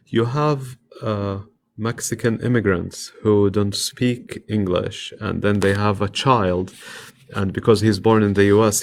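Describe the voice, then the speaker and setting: A man's voice: lowish voice, a little hiss or hum. A man calling in to a live online chat to earnestly put a question to the host. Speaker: caller.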